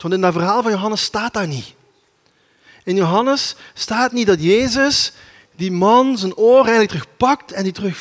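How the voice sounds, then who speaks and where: A man preaching a lively sermon, acting out the scenes as he tells them. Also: high-pitched. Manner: animated storytelling, acting out the scenes.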